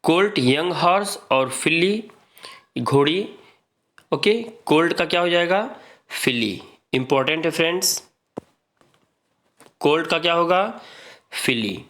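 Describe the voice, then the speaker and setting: A man's voice: a little high, animated, slow pace, long pauses, a bit bright. A man with an Indian accent teaching an exam-prep grammar lesson, reading out word pairs and drilling students to repeat them.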